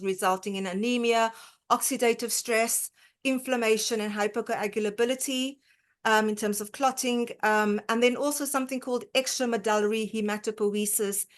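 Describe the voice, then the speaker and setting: A dietitian from South Africa, speaking with her country's accent and a fairly high voice, delivers a lecture online. Her speech is tentative, marked by many fillers, pauses, and sentence restarts.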